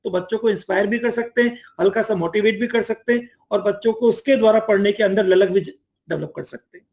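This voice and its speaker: Man, very high voice, eager conversational explaining. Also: fairly quick, a little mellow. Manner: enthusiastic, acts out teacher and student lines. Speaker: education platform mentor.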